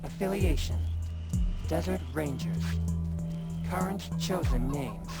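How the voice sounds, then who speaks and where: Robot sentry: low-pitched robotic voice, slow clipped readouts, game role. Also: female voice, loud music behind the voice, full character voice. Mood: detached. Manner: clipped, monotone announcements. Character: cold scanning robot sentry, female, emotionless. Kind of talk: video game voice acting.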